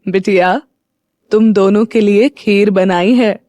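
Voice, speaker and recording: A woman's voice: medium pitch, fairly even intonation, slow, dark tone, no echo, natural voice. A woman narrator voicing a kind, motherly older woman welcoming two girls.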